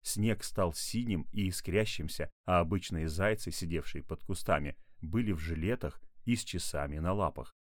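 A man narrating a playful children's tale in an expressive way. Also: low voice, moderate pace, few pauses, no echo, clean studio sound. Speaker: storyteller.

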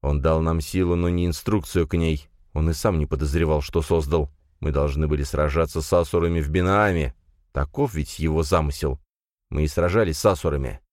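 A man with a very deep voice voicing a weary, bitter immortal twilight elf in an audiobook reading. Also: fairly even intonation, a little fast, darkish tone, dry recording, studio quality. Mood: restrained. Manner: restrained, bitter, grim.

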